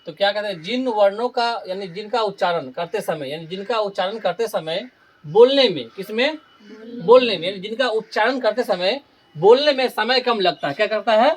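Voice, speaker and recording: A man with a high voice teaches a grammar lesson in a classroom style. He asks questions and then answers them himself, repeating key terms.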